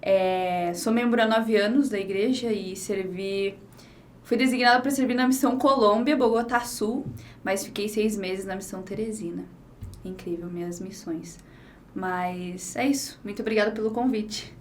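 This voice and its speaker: A woman's voice: medium pitch, normal speed, a little hiss or hum. A woman in her twenties from southern Brazil, a podcast guest talking in a friendly, conversational way. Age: 20s. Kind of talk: casual podcast chat.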